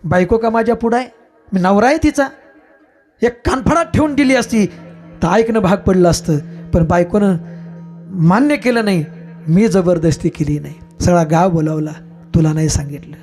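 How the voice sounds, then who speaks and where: A man's voice: high voice, normal speed, warm tone, soft background music. A man preaching in a devotional storytelling sermon with a Marathi accent, dramatically acting out the characters' cries and pleas. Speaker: kirtan preacher.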